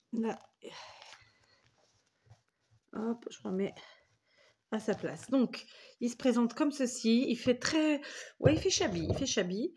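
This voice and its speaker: Casting: woman, husky crafting vlogger, chatty, often corrects herself mid-sentence. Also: a little high. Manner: rambling, self-correcting, warm thanks to senders. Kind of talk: casual chatty show-and-tell. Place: at home, indoors.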